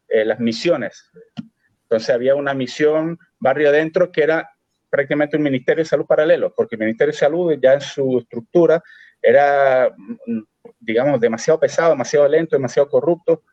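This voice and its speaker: A Chilean man speaking Chilean-accented Spanish joins a political discussion as a guest over video call, thinking aloud in a halting way with many fillers, hesitations and restarts. His voice is medium-pitched and darkish, and the recording is muffled with no echo.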